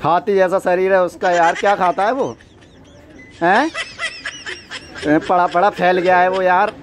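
Young man loudly faking a phone call. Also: high-pitched, fairly even intonation, measured pace. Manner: loud, talking to a phone, cooing and coaxing. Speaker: prankster. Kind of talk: fake phone call prank. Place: metro train. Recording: busy crowd and loud noise behind.

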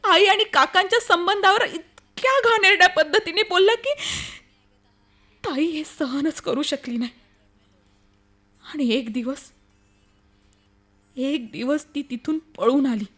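An actress in an old-style radio play as an anguished young woman grieving for her sister, speaking in an emotional, halting, dramatic way. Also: high-pitched, sharp tone, heavily acted. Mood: tearful, bitter. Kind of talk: radio play acting, old radio show manner.

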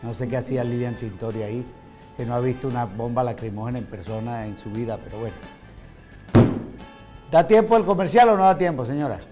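A man's voice: medium pitch, lively intonation, fairly quick, loud music behind the voice. A man in his sixties hosting a TV commentary show in a studio, sarcastic and trailing off into mutters. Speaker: TV show host. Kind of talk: opinion commentary. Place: television studio set.

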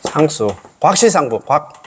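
A man's voice: fairly high pitch, big pitch swings, unhurried, a bit bright, a little hiss or hum. A man, a Buddhist monk, giving a casual dharma lecture and checking in with listeners by asking questions. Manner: chatty, checks listeners with tag questions, chuckles often.

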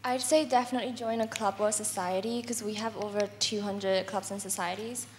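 A woman's voice: medium pitch, steady tone, fairly quick. Young american student girl on a panel, upbeat, faint room hum. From United States. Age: young adult. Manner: upbeat, laughs easily. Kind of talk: casual panel answer. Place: large lecture hall stage.

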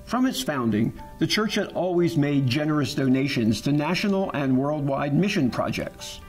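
A man giving calm, measured scripted narration for a church history documentary. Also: on the high side, soft background music.

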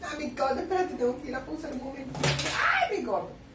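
A man's voice: extremely high pitch, quick pace, heavy background noise. A man giving dramatic, shrieky reaction commentary, constantly addressing his viewers by a pet name. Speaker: series reaction vlogger. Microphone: camera mic at a distance. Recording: echoey room, distant mic.

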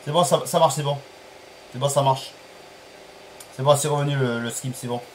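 A man streaming a football management game live, chatting to viewers, apologizing for stream bugs and calling plays with bursts of excitement. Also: mid-range voice, moderate pace, slight background noise, poor audio. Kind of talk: live gameplay commentary.

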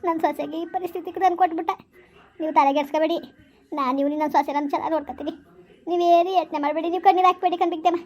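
An older village mother-in-law, as a woman plays her, keeps insisting she will look after everyone. The voice is very high and pressing. This is a homemade village family drama. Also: steady tone, racing. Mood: consoling. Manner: insistent reassuring.

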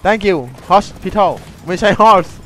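A man with a Thai accent giving casual, excitable commentary over a video game, repeating catchphrases as he plays. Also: high voice, very slow, slight background noise, rough recording. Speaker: gameplay commentator.

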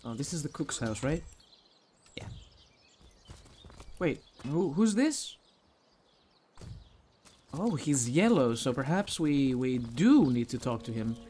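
A man hosting a casual video game playthrough, reacting and thinking out loud as he goes. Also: medium pitch, big pitch swings, takes it slowly, long pauses, slight background noise. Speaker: gaming video host. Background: game music.

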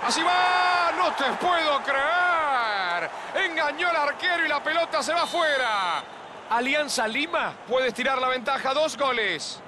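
A man playing an excitable video game football commentator, calling goals with drawn-out shouts and rapid repeats over stadium noise. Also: very high voice, crowd noise. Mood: excited. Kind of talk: excited goal commentary of a penalty shootout. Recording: clear stadium noise behind.

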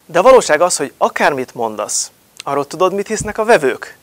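In a studio, a marketing speaker in his thirties delivers an emphatic promotional talk to camera, packed with rhetorical questions. His voice sits a little high and swings widely in pitch, picked up by a lapel mic.

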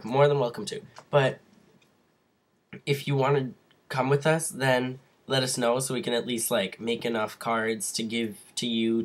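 A young man with hiccups, giving a rambling casual update to viewers on his computer's mic at home. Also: mid-range voice. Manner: rambling, restarts, frequent fillers. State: has hiccups; sick. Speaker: vlogger. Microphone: computer webcam mic.

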